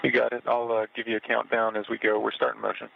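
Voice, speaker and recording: A man making methodical, halting step-by-step operational callouts over a radio link as a robotic arm operator. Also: medium pitch, monotone, vocal fry. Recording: muffled radio link, faint noise.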